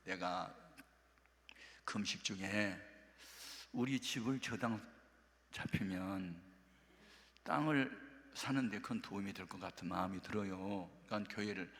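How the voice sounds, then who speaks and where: A man's voice: mid-range voice, moderate pace, pushed and bright, big-room sound. A male pastor voicing a middle-aged churchwoman who turns from defiance to tearful pleading. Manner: pleading through tears.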